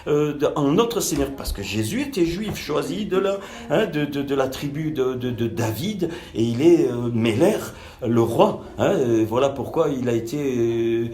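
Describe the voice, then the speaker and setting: A man's voice: mid-range voice, expressive, unhurried, a little mellow. A man giving an informal Bible teaching over an online call, full of fillers and restarts, growing emphatic when he reads scripture. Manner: hesitant, many fillers and restarts. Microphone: online call audio. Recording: echoey call recording.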